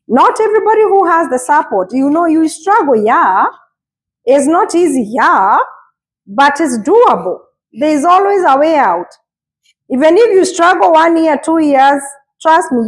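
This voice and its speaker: Cooking in her home kitchen, a woman vlogs to encourage her viewers, earnest and repeating herself as she washes and chops vegetables. Her voice sits high, captured on a lapel mic in a low-quality recording.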